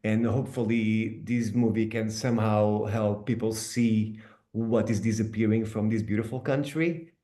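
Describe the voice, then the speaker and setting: A man's voice: lowish voice, fairly even intonation, moderate pace, dark tone, echoey room. Earnest man. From Portugal. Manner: earnest and heartfelt. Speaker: actor and film producer. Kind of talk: Q&A panel answer.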